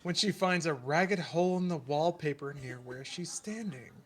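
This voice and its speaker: A man's voice: a little high, moderate pace, a bit bright. A man casually reading stage directions aloud during a stream, with chuckling asides. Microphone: home streaming mic.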